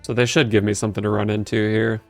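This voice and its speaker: A man's voice: lowish voice, level tone, quick pace, a little mellow. A man giving casual, dry and sardonic gameplay commentary, thinking his moves through aloud. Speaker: game streamer. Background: game music.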